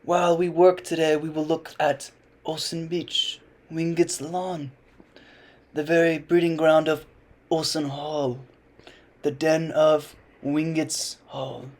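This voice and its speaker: A young man narrating a parody nature documentary in a hushed, mock-solemn wildlife voice. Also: on the high side, little pitch movement, slow pace. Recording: music playing underneath.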